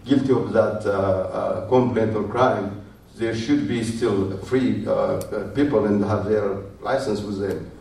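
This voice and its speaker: A man gives halting, hesitant testimony at a public hearing, played back from a poor-quality recording. The room echoes heavily around him. He sounds set well back from the microphone. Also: lowish voice, fairly even intonation, gravelly, a little mellow, distant mic. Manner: hesitant, halting, with many fillers. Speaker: taxi drivers' association board member testifying.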